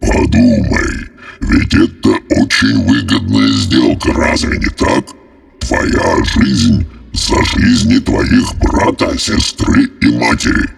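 A man voicing a huge cruel male ogre in an audiobook, with a very deep gravelly growl and slow, drawn-out threats. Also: recorded from a distance, full character voice. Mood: coaxing. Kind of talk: audiobook character voice.

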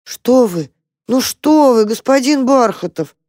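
A reader voicing a timid, kind little boy mouse who talks eagerly and gently in a storybook reading. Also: medium pitch, very animated, a little slow, no echo, clean studio sound, pitched above the performer's own voice. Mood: anxious.

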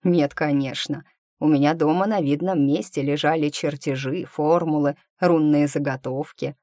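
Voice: mid-range voice, fairly even intonation, moderate pace, warm tone, no echo, studio quality, natural voice. Чтец изображает старого мага-наставника, сдержанного и немного насмешливого, в аудиокниге. Он размеренно и ровно рассказывает о случившемся. Голос звучит сухо и близко, почти без отзвука комнаты. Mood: recounting. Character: old male magic master, wry and guarded. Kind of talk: audiobook character reading.

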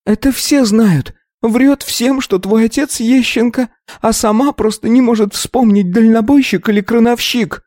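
A man voicing a scrawny bespectacled eighteen-year-old boy who hurls shrill taunts. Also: a little slow, few pauses, a little mellow, no room sound, studio quality. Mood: taunting. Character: scrawny bespectacled teenage boy, jeering and provocative.

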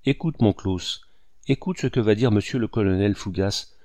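A man voicing a scheming old woman who coaxes and flatters in a sweetened voice, in an audiobook reading. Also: on the low side, moderate pace, no room sound, studio quality, natural voice. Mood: flattering.

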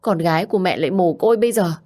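A woman's voice: fairly low pitch, rapid-fire, darkish tone, voice pushed up, close to an everyday voice. A woman voicing a desperate middle-aged mother in debt, who pleads with her daughter in a tearful voice. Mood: coaxing.

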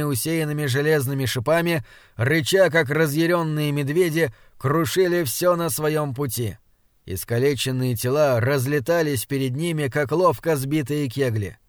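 A man reading a fantasy audiobook in a steady, dramatic narration on a close studio mic. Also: a little high, dry recording. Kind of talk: scripted narration.

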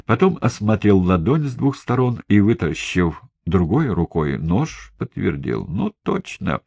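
Deep, husky male audiobook narrator. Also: sing-song, a little slow, darkish tone, no echo, dull audio.

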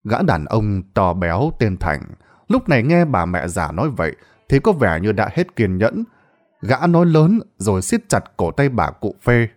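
A man's voice: on the low side, sing-song, moderate pace. A man narrating a Vietnamese ghost story in a dramatic storytelling style.

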